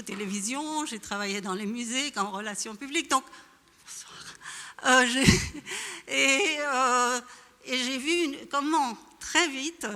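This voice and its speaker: A woman from Iran speaks at a public panel, pausing often and restarting her sentences. Her voice is high and bright, and it rings out with a long echo in a large hall. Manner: hesitant, many fillers and restarts. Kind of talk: spontaneous public talk. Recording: echoey hall.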